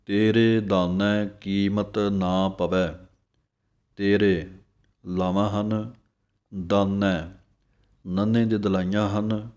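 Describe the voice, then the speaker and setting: ਹੌਲੀ, ਸਪਸ਼ਟ ਪਾਠ ਸਿਖਾਉਂਦਾ ਆਦਮੀ. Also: male voice, fairly low pitch, darkish tone. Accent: Punjabi. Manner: slow, drawn-out recitation alternating with explanation. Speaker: religious teacher. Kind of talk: slow pronunciation lesson.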